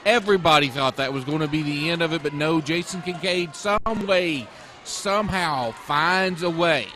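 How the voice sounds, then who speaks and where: A man's voice: on the high side, normal speed, background noise. A man working as a wrestling color commentator, reacting to the match in an emphatic, dramatic way. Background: crowd at a wrestling event.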